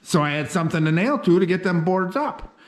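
A middle-aged man talks in a folksy, rambling way, full of fillers and plain country phrasing. His voice sits a little on the high side. He is recorded on an action camera as he walks through snow and an unfinished wooden barn. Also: expressive, brisk. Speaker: homesteader vlogger. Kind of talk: casual walkthrough talk. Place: outdoors in snow, then inside an unfinished wooden barn loft. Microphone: handheld or head-mounted action camera.

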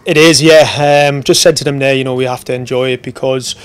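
A man's voice: mid-range voice, clear, resonant tone, soft background music. A man in his thirties, a football club manager giving a post-match interview in a press room, talking steadily with many fillers and restarts. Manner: steady, measured talk with frequent fillers and restarts. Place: indoor press room in front of a sponsor board.

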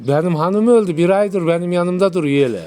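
A man's voice: high-pitched, fairly quick, darkish tone. A man in casual chat, putting short questions and answers. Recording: noisy recording with ambient sound.

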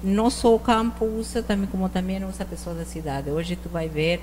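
A woman in her forties from northern Argentina, with an Argentine Spanish accent, answers casual interview questions as a shop owner on a TV studio set styled as a rustic ranch. Her mid-range voice is brisk and a little mellow with fairly even intonation, and she mixes Spanish words into her Portuguese and restarts sentences often. She speaks into a handheld mic, with a little hiss or hum in the background.

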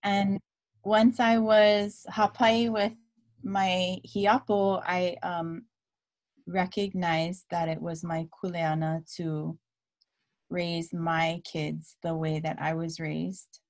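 Speaking slowly in a lowish voice, a woman from Hawaii in her thirties recounts her story as a guest on a video call. She's relaxed, uses plenty of fillers, and mixes Hawaiian words into her English. She's in a dim room at home, recorded through a laptop webcam.

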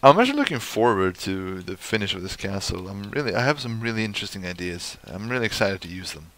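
A young man provides casual let's play commentary, cursing at the game and chatting to its mobs. His voice is low and very animated, delivered fast with a fairly bright tone.

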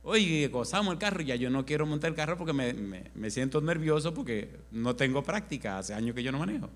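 A man's voice: fairly high pitch, expressive. A man preaching as pastor in a church, telling a story animatedly and acting out the other people's words in dialogue. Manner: slow emphatic altar call. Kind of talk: sermon with acted-out anecdote.

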